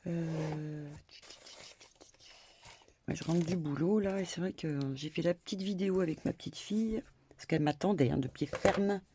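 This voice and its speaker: A woman's voice: on the low side, moderate pace, pauses often, mellow. An older woman, a grandmother, chatting her way through a crafting tutorial at home, rambling with many hesitations and small asides. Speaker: crafting vlogger. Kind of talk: casual crafting tutorial chat. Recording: faint background noise and clicks.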